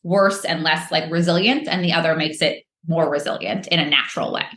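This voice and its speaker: A woman's voice: sits low, fairly even intonation, brisk, a bit bright. A woman guest on a podcast, explaining things casually with lots of fillers and restarts. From United States. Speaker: podcast guest, microdosing entrepreneur. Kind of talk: casual interview answers. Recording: roomy echo.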